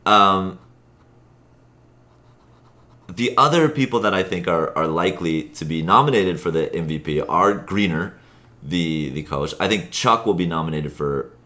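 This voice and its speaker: A man hosting a casual talk show about his rec league, rambling and correcting himself with sudden bursts of excitement. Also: low voice, normal speed. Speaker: podcast host, league player. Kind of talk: casual chat.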